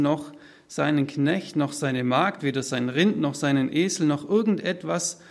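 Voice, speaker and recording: In a slightly high, creaky voice, a man from southern Germany's Swabia region preaches freely from notes to his congregation. He builds the sermon in clear, explanatory steps and addresses the people directly.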